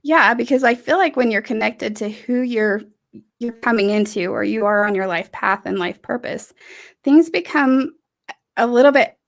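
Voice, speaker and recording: A woman's voice: fairly high pitch, normal speed, gravelly. A woman hosting an interview podcast over a video call, talking in a rambling, effusive way with many restarts and fillers. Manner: warm-hearted, rambling, lots of restarts and fillers. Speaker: podcast host. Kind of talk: casual interview chat. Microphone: earbud headset on a video call.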